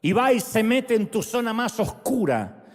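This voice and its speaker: A man as pastor leading a sermon's altar call and prayer, fervent and repeating words in rising shouts. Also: high-pitched, sing-song, measured pace. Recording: long hall reverb.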